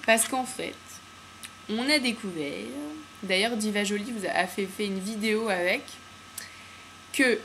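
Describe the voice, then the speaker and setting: A beauty vlogger with a medium-pitched, fairly bright voice chats casually and enthusiastically about a nail polish haul in a home video, packed with fillers and slang. She's in a home room with windows open to the street, and slight background noise is audible.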